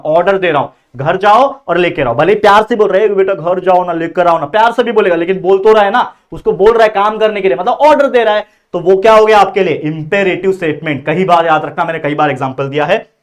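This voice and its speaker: A man. He explains step by step, keeps checking whether students follow, and slows right down to read each example sentence. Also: high voice. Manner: reads example sentences slowly and deliberately. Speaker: tutor. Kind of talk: exam-prep grammar lesson.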